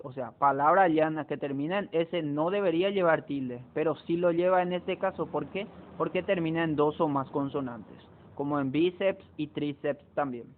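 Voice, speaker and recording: A man teaching a lesson on spelling rules, explaining step by step with frequent hesitations and restarts. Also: on the high side. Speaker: Spanish teacher. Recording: tinny phone-like recording.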